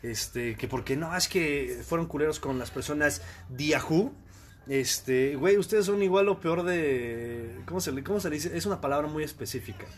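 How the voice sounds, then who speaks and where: A man's voice: fairly high pitch, normal speed. A man from Mexico hosting a podcast, chatting in a joking, slangy, profane way. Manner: slangy, swears a lot, jokey. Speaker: podcast host. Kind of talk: casual podcast chat.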